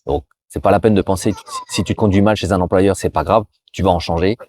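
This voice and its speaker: French guy, kinda low voice, talking straight to you with career tips, lots of restarts. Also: fairly even intonation, fast, a little mellow, dry recording. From France. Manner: talks directly to viewer, frequent restarts and repetitions. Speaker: career advice video host. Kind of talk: informal advice monologue.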